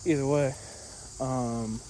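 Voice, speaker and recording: Outdoors in a yard, a vlogger chats to viewers in a casual, rambling, slangy way, calling the listener "dude." His mellow, mid-range voice is slow with fairly even intonation, and the recording clearly picks up insects and ambient noise.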